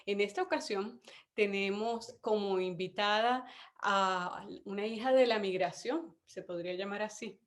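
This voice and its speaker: A woman's voice: medium pitch, a little slow. A woman hosting an interview show, greeting listeners and asking questions, sometimes slipping and correcting herself. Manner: friendly, slips and corrects herself. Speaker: host.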